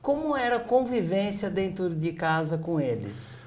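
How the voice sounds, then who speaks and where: A Brazilian man hosting a TV interview show, reading a formal intro and asking his guest steady, measured questions. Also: high voice, a little hiss or hum. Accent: Brazilian Portuguese. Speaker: talk show host.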